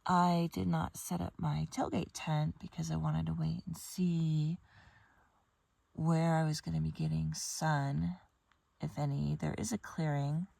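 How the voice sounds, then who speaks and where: A woman vlogger with a groggy morning voice, chatting softly and sometimes in a hush from inside her small car camper. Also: low-pitched, level tone, unhurried, vocal fry, dry recording. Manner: soft-spoken, chatty, often hushed. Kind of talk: casual vlog chat.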